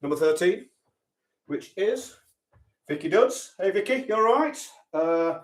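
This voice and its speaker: A man's voice: high-pitched, expressive, unhurried, distant mic. Dry-humoured man, echoey room. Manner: dry, chatty, offhand humour. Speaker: sweepstake host. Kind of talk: casual live draw commentary.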